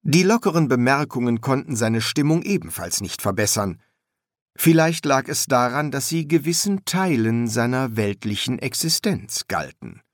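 A man reading an audiobook in a measured, expressive way. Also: medium pitch, no room sound, clean studio sound. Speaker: narrator. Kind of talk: audiobook narration.

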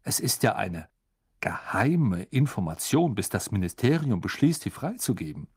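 Brief: Mann als geheimnistuerischer junger Mann, neckend. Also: male voice, fairly low pitch, sing-song, moderate pace, darkish tone, breathy edge, no room sound, studio quality, exaggerated voice. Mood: conspiratorial.

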